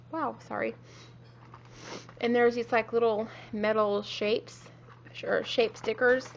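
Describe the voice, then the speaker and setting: A woman's voice: a little high, steady tone, slow pace, gravelly, pauses often, very noisy. A woman who is a little sick gives a casual show-and-tell tour of her home craft room, meandering and correcting herself with lots of ums. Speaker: crafting vlogger. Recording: dull lo-fi home video.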